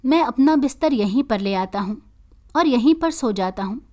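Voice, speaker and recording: A woman's voice: fairly high pitch, animated, moderate pace, darkish tone, close to an everyday voice. A woman voicing a loyal young male friend who reassures the hero, in a read-aloud story. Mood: concerned.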